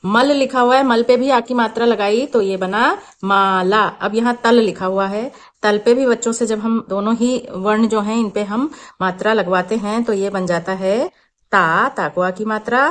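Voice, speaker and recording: A woman teacher explains a children's worksheet step by step, slow and patient. Her pitch sits in an ordinary middle range, and she drops English words into her explanations. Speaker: teacher and channel host.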